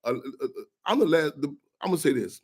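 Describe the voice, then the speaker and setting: A man with a fairly high voice talks at a rapid clip as a guest on a radio call-in show. He is passionate and pushes his points hard, stumbling over and repeating words as he goes. His delivery stays intense throughout. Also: animated. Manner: fast, passionate, repeats and restarts phrases. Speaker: activist guest. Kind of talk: passionate radio interview talk.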